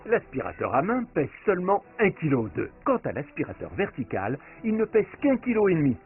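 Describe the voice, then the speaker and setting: A man delivering a scripted infomercial voice-over as an announcer, with an emphatic, promotional sales-pitch manner. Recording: tinny phone-like band, faint music behind. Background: light background music.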